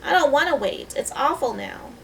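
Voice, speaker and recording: A woman's voice: high-pitched, expressive, normal speed, gravelly, sharp tone, recorded from a distance, a little hiss or hum, pitched above the performer's own voice, full character voice, low-quality recording. A woman reading aloud the lines of a young girl who is bullied at school and frustrated by it. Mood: upset.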